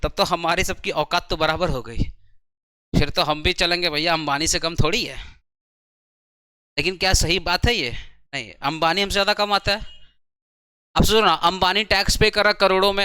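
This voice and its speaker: A man teaching a commerce tax class at a coaching centre, chatty and speaking slowly, often repeating his questions to the students. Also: high-pitched, sharp tone, clear, resonant tone, dry recording. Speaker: commerce tutor. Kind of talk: classroom lecture.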